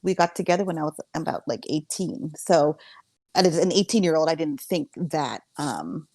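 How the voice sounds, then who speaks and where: A young woman guest chats in a friendly, giggly way, and her voice sits low for a woman. The recording is dry and close, with no room sound around her. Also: expressive, moderate pace, mellow, no echo. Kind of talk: casual chat.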